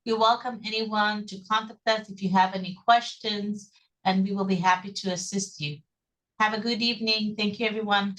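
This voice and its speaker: Casting: female webinar host and consultant, mid-pitched, informal and reassuring, explaining things on a video call. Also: steady tone, moderate pace, a bit bright, poor audio.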